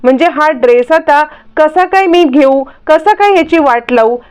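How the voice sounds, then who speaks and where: A woman's voice: high-pitched, animated, moderate pace, darkish tone, soft background music, voice pushed up. A woman voicing a scheming young woman who makes innocent-sounding excuses. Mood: defensive. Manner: defensive, pretending innocence.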